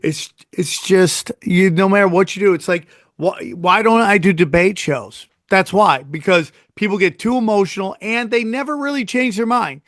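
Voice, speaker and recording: A man's voice: high-pitched, normal speed, hardly any pauses, a bit bright, no echo, clean studio sound. A man hosting a casual podcast, talking in a loose, rambling way and plugging his live shows. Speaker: podcast host.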